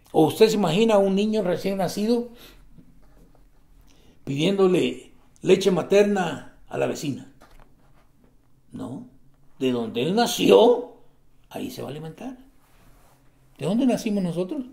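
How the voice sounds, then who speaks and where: A man preaching a sermon, swinging between loud exclamations and hushed emphasis. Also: high-pitched, animated, a little slow, gravelly, pauses often.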